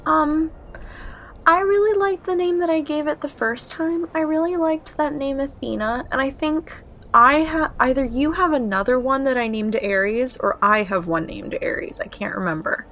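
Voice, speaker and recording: A woman's voice: high-pitched, normal speed, fairly bright tone, a little hiss or hum. A woman co-hosting a podcast in casual chat, asking playful, jokey questions. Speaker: podcast co-host.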